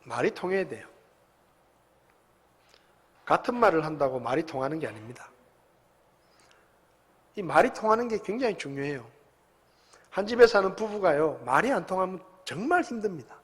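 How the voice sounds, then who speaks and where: A man preaching a sermon as pastor in a church sanctuary, talking conversationally, with big swings between loud and soft. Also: sits high, sing-song, moderate pace, long pauses, slightly rough. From South Korea. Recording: long hall reverb.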